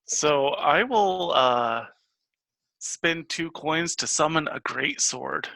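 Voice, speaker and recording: A man playing in an online tabletop game, cracking deadpan jokes. His voice is very bright and sits a little high. It sounds close and dry. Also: takes it slowly, creaky, no room sound. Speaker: player. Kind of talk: casual tabletop play. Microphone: online voice call.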